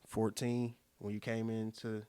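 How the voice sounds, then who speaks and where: A man in his twenties hosting a podcast, talking in a relaxed, reflective way and tagging lines with "you know what I'm saying". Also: on the low side, a little slow, clean tone, no echo, clean studio sound. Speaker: podcast host. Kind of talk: casual chat.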